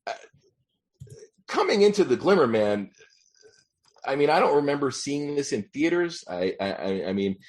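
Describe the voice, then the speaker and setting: A man in his forties, a podcast guest, talking casually with many ums and pauses. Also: fairly high pitch, sing-song. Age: 40s. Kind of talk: casual chat.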